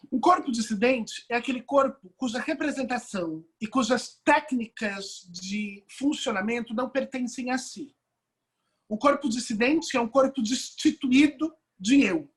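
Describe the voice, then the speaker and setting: A Brazilian woman lectures in a fairly high, husky voice. She builds her points slowly, with rhetorical questions and frequent tag questions as she reasons aloud. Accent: Brazilian Portuguese. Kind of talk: online course lecture.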